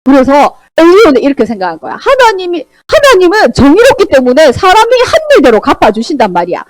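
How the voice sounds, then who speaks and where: A woman Sunday school teacher leads a children's Bible lesson in a bright, high voice. Her pitch rises and falls widely as she keeps putting questions to the kids. The sound is dry and close, with little room echo. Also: fast talker. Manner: animated, asks the children questions. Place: church classroom.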